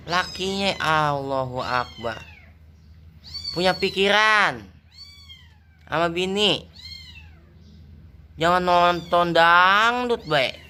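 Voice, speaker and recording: A man's voice: high voice, sharp tone, a little hiss or hum. A man, chatting casually and teasingly as he scolds and coaxes his pet cats. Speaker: pet channel host.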